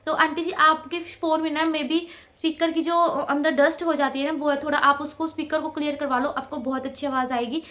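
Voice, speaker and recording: A woman's voice: high-pitched, steady tone, brisk, few pauses, a bit bright. A woman in her thirties chatting casually at home for her vlog, talking into a clip-on mic in a rambling, chatty way. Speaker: vlogger. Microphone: clip-on mic close to mouth.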